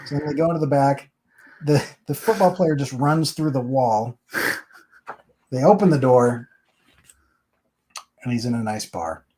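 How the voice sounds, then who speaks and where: Man hosting an indie comic review, easygoing, rambling, mid-pitched. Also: a little slow, pauses often, mellow, slight background noise. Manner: rambling, chatty, summarizing a comic page by page. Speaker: comic book review host. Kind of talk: casual chat.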